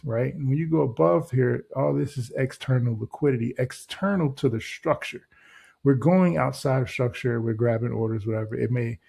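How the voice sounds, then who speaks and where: Gravelly, husky man talking through trades. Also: mellow. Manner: loose and conversational, heavy on filler words like "right?" and "boom". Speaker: trading channel host. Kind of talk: casual screen-share trading walkthrough.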